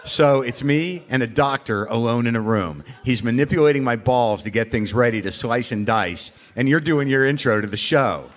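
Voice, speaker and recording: A man's voice: mid-range voice, moderate pace, few pauses. An American man, a comedian and host, talking informally and profanely on stage at a live show. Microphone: stage microphone. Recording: live room with faint background noise.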